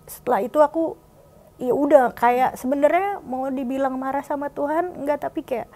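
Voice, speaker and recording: Candid young woman, fairly high voice. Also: normal speed, dark tone. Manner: candid, acts out family dialogue in quotes. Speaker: guest sharing her faith story. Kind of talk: personal testimony interview.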